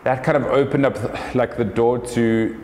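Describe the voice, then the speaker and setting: A South African man in his thirties, a business owner talking casually as an interview guest, relaxed and thoughtful, with many fillers and restarts. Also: medium pitch, normal speed, a little hiss or hum. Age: 30s. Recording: echoey room with long reverb.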